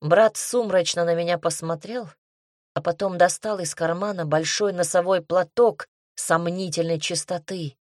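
A woman's voice: on the low side, steady tone, normal speed, no echo, clean studio sound. Indignant female audiobook narrator. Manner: indignant, sharp-tongued heroine. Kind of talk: first-person fantasy audiobook narration.

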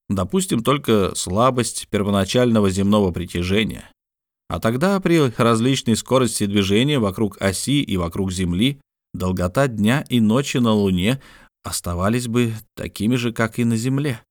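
Calm methodical scholar, read by a man, measured lecturing tone, dry close recording. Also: on the low side, no echo, close to an everyday voice. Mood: explaining. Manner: measured, explaining.

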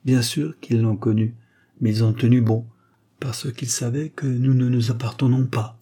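A man's voice: medium pitch, steady tone, normal speed, mellow, husky. A man voicing a stern, proud aristocratic father, an aging marquis, in an audiobook, solemn and insistent.

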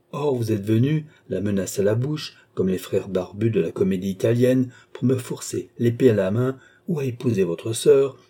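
A man reading an audiobook, voicing a proud, tired count who speaks with calm, disdainful haughtiness. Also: fairly low pitch, slightly rough.

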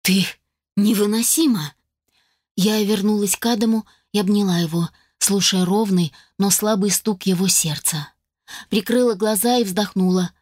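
A woman reading a first-person novel aloud in steady storytelling fashion. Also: mid-range voice, moderate pace, no echo, clean studio sound. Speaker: audiobook narrator. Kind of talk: first-person fiction narration.

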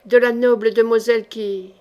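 Panicky bohemian painter, stammering, pleading, woman reading the part, fairly high voice. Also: fairly even intonation, moderate pace, warm tone, muffled recording, lightly acted.

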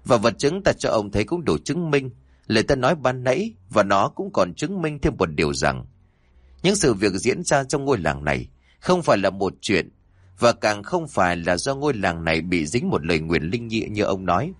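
A wise, severe exorcist master from a spoken ghost story, as a male narrator puts him on. He lectures in a low, steady voice that rises and falls with conviction, and he scolds firmly. The recording is dry and close. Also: moderate pace, no echo. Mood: stern.

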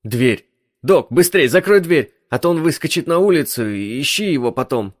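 A man voicing an agitated young wife in a high, squealing, indignant tone in an audiobook. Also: expressive, normal speed. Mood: alarmed. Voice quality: shrill. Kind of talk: audiobook reading.

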